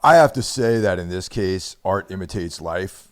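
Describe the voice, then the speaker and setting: Low-voiced dude hosting a podcast, super laid back and chill. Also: male voice, lively intonation, normal speed. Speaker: podcast host. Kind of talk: casual chat.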